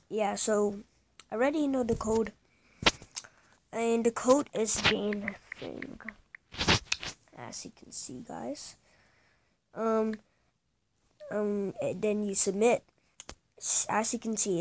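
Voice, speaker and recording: Female gaming host, unhurried and hesitant, dark gravelly voice. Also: medium pitch. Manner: rambling, hesitant, many ums; hushed at times so as not to wake someone. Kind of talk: casual game commentary.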